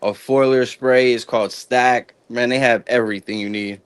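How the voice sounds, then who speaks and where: Relaxed man explaining plainly, dry sound. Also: medium pitch, normal speed, clean tone, dry recording. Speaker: guest grower. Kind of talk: casual chat.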